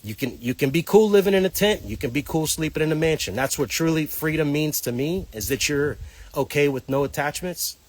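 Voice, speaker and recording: A man's voice: a little high, brisk, dry recording. A man hosting a casual livestream outdoors, a little nasal from a cold, talking loosely and greeting viewers as they arrive. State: nasal congestion. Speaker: livestream host. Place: outdoors near homes.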